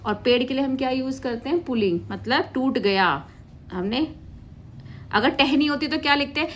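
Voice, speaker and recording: A woman's voice: high-pitched, normal speed, fairly bright tone, slight background noise. A woman teaching a grammar lesson, patiently asking questions and answering them herself, calling her students "beta" as she works through examples. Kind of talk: classroom-style grammar lesson.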